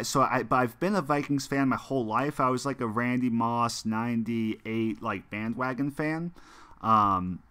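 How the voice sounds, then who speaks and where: A young man from the United States talks to viewers while playing a mobile football game on stream, his casual chat wandering with fillers and restarts. He has a medium-pitched voice that sounds bright, forceful, and smooth.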